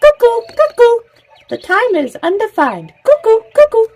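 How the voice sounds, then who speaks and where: A man's voice: huge pitch swings, moderate pace, darkish tone, exaggerated voice. A man voicing a crazed, unhinged cuckoo clock bird in a singsong voice. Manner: singsong, wildly swooping pitch.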